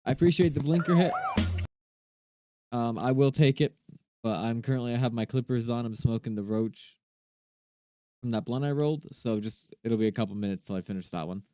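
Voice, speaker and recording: A man who is high, chatting casually with his stream viewers in a relaxed, laid-back stoner drawl. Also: fairly quick, smooth, dry recording, highs cut off. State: high on cannabis. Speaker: livestreamer.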